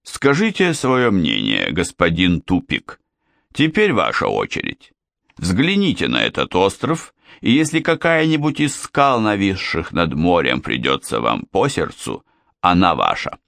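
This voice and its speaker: Brief: a man as a booming, coaxing old penguin king from a storybook, slow and gravelly. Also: wildly swooping pitch, fairly bright tone, no room sound, clean studio sound, heavily acted. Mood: jovial. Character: jovial pompous old male penguin king. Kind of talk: audiobook character reading.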